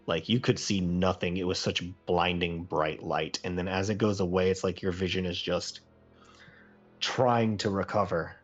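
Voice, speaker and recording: A man narrating a tabletop game as game master, relaxed and thinking aloud as he goes. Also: low voice, normal speed, soft background music. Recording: muffled, lo-fi recording.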